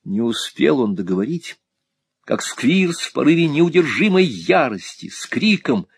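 A man narrating a classic novel as an audiobook in an expressive, theatrical way. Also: mid-range voice, unhurried, husky, dry recording, studio quality. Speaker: audiobook reader.

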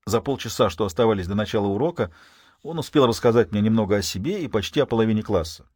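A man's voice: fairly low pitch, animated, quick pace, a little mellow, no room sound. A man narrating a first-person audiobook, dropping dry, ironic asides along the way.

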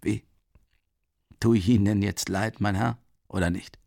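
A man voicing a drunken, self-pitying old ex-official in an audiobook, pleading and rambling with a voice that swings up high. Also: fairly even intonation, measured pace, vocal fry, mellow, dry recording, studio quality. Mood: pleading, maudlin.

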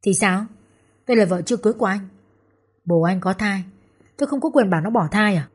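A woman voicing a jealous, furious young woman who has been jilted, shouting insults. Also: fairly quick, slightly rough, natural voice. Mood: scornful. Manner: shrill, screaming, insulting.

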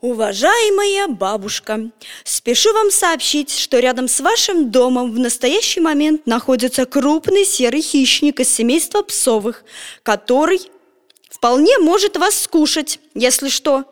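A woman's voice: very high voice, expressive, moderate pace, voice pushed up. A woman voicing a bold, bossy schoolboy in a children's story, urgent and commanding. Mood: formal. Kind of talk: storybook reading. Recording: long echoing reverb.

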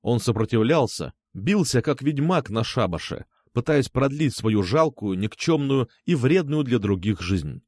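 Guy narrating a crime audiobook, super animated voice, dry close mic. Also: medium pitch, unhurried, few pauses, no echo. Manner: dramatic, expressive reading with vivid delivery. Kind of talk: first-person audiobook narration.

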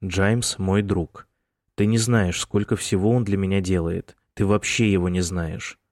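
A man's voice: deep voice, steady tone, measured pace, a little mellow, no room sound, studio quality. A man reading the part of an annoyed young man defending himself against his mother, terse and irritated.

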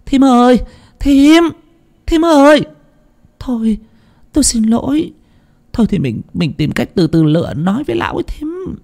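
A man voicing an anxious older village woman, calling out in a high falsetto. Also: sing-song, moderate pace, creaky, long pauses, darkish tone, full character voice. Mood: pleading. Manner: wailing, pleading, high falsetto.

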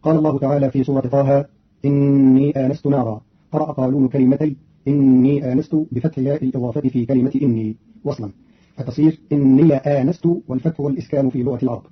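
Male radio presenter, quick formal read, raspy breathy timbre, dull lo-fi archival sound. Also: medium pitch, level tone. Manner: brisk formal classical Arabic delivery. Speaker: radio presenter explaining recitation variants. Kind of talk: formal scripted explanation.

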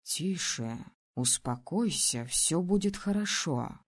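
A woman voicing a young male ruler in an audiobook, teasing and domineering, speaking low, slow and calm. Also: exaggerated voice. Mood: gentle. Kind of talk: audiobook character voice.

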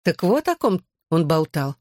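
A reader voicing a caring, worried mother who scolds gently. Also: mid-range voice, very animated, unhurried, no echo, clean studio sound. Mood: fretting. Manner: soft, fretting.

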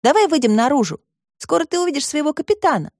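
A woman voicing a brave, kind young girl in an audiobook, speaking high and earnestly. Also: lively intonation, fast, darkish tone, no room sound, studio quality.

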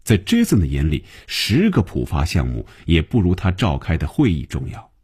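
Brief: male audiobook narrator, husky, low, animated pitch. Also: moderate pace. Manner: storytelling, expressive. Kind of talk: novel reading.

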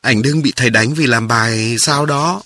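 A man voicing a gentle, sorrowful mother in a memoir reading, speaking softly and slowly. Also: mid-range voice, no echo. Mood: tender.

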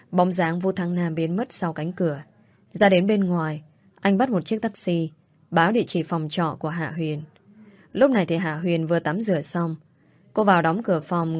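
A woman reading an audiobook story aloud in a steady, even narrating voice. Her pitch sits a little low. The recording is close and dry. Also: no echo.

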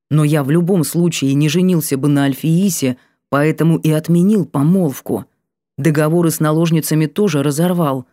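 A woman reading the lines of a proud, solemn noble lord in an audiobook, in a slow, formal, measured manner. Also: low voice, mellow, dry recording, clean studio sound, voice pushed down, close to an everyday voice.

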